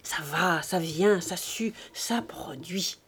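A domineering old miser of a father, insistent and hectoring, read by a woman. The voice is fairly high yet mellow and warm. It is an audiobook reading with emphatic, pressing delivery. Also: expressive, measured pace. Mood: coaxing. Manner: wheedling then hectoring, emphatic.

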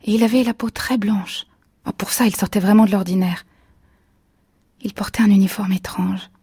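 A woman's voice: medium pitch, fairly even intonation, moderate pace, dark tone, breathy edge, dry recording, studio quality. A woman reading aloud, voicing an eager, wistful young Martian wife. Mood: dreamy.

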